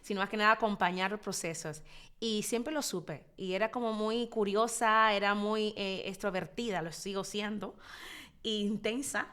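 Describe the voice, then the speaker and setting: A Dominican woman in her thirties, a psychologist guest telling her life story in an interview, expressive and reflective, pausing often as she thinks. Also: mid-range voice, clean tone. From Dominican Republic. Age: 30s. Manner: expressive, reflective, with frequent hesitations.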